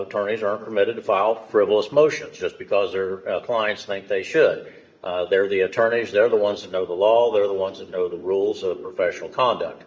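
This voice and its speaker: An American man speaking as a judge, stern and lecturing, with halting pauses, questioning and admonishing in a courtroom. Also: on the low side. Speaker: judge presiding over a hearing. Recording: muffled courtroom audio.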